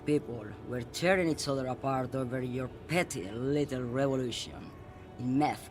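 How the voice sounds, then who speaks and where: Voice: mid-range voice, moderate pace, over music, close to an everyday voice. An actor playing a nostalgic, defiant old woman truck driver in a video game, wistful and insistent. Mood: dreamy, defiant. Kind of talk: video game character acting.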